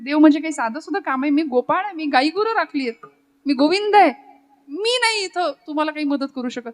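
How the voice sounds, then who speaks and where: A woman's voice: sits high, expressive, fast, soft background music. A Marathi woman preacher giving a devotional kirtan sermon, telling stories and acting out the characters' lines. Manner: dramatic storyteller, voices characters, breaks into Hindi couplets and chant.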